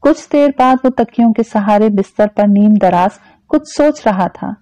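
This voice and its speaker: A woman narrating an audio novel in a calm, even reading voice. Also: medium pitch, normal speed, dry recording. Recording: dull, dry lo-fi recording.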